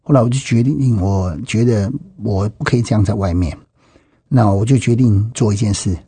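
A middle-aged man with a Taiwanese Mandarin accent recounts his life in an emphatic testimony, full of exclamations and repeated phrases. His voice is dark and husky, and it sounds dry and close with little room sound. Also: lowish voice, normal speed, no echo. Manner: emphatic, with frequent exclamations and repetitions. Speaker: interviewee giving personal testimony. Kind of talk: personal testimony storytelling.

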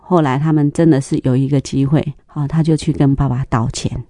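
A middle-aged woman, sharing a church testimony in an interview, telling stories lively and acting out the dialogue. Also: rumbling low, a little fast, no echo, studio quality. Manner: lively storyteller, acts out dialogue, laughs often.

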